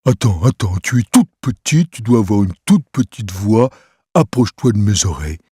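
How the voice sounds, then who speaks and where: A man's voice: lowish voice, very animated, moderate pace, mellow, slightly rough, no room sound, exaggerated voice. A man voicing a big, clumsy male donkey who is touchy and loves bursting into silly songs. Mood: meek. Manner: sing-song, bursts into silly songs and chuckles. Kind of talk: storybook acting over music. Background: music.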